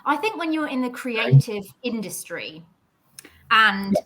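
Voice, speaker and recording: A woman chatting as a guest on a video call, a YouTuber talking in an animated way. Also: fairly high pitch, background noise. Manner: animated, quick to laugh. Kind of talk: casual video call chat. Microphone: video call microphone.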